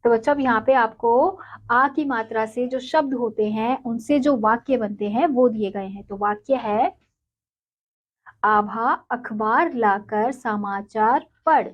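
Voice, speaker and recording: In this children's writing lesson, a woman slowly works through syllables one at a time, then blends them into whole words for her young pupils. Her voice is a little high and she speaks at normal speed. The audio sounds dull.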